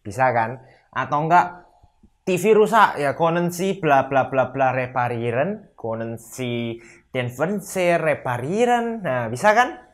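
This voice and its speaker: A young man talks through a relaxed language lesson in a loose, chatty way. He acts out little sample complaints in a livelier voice, then slows down carefully to say each foreign phrase. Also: medium pitch. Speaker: language teacher. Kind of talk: casual lesson explaining phrases.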